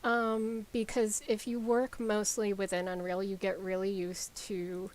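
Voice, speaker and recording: A woman game developer talking casually on a live stream, rambling with lots of ums and likes as she explains software. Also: medium pitch, flat delivery, unhurried, rough recording.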